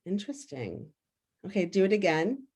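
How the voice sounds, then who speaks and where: Woman leading a lively video-call workshop. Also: medium pitch, normal speed, husky. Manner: energetic, frequently asks "right?". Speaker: workshop facilitator.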